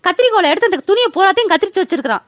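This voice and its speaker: A woman's voice: animated, very fast, dry recording. A woman voicing a scheming, argumentative younger sister defending herself, in a cartoon. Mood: defensive. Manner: shrill and argumentative. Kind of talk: cartoon voice acting.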